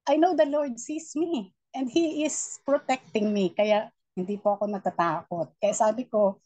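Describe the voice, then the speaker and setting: A middle-aged woman gives a motivational training talk to her team. Her voice is naturally loud and fairly high, and she preaches encouragement in a steady flow. The sound is close and dry, with no room around it. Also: measured pace, dry recording. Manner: loud voice, warm and preachy, mixing English in. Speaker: network marketing mentor.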